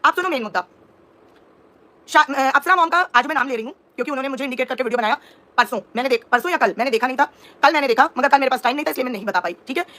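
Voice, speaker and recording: A woman's voice: high voice, very fast, bright, forceful tone. A woman in her thirties livestreaming as a reaction vlogger, indignantly explaining herself and answering viewers' comments. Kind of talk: live-stream talk to viewers.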